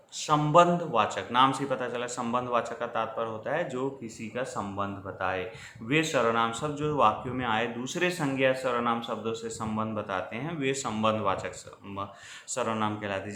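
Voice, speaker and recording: Male teacher, mid-pitched, talks students through slides; roomy, slightly noisy recording. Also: a bit bright. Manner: explanatory, addresses students directly with frequent checks. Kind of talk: classroom-style grammar lesson over slides. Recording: echoey room with faint ambient noise.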